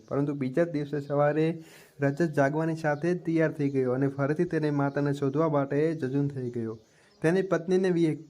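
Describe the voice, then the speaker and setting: A man telling a dramatic family story as a steady, plain storyteller. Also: on the high side.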